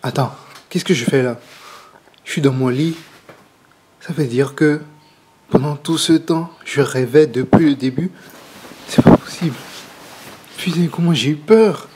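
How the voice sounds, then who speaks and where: A man's voice: on the high side, measured pace, pauses often, darkish tone, slight background noise. A young man performing a scripted comedy monologue, talking to himself and swinging between reasoning through puzzles and panic. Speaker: comedian acting in his own sketch. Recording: music playing underneath.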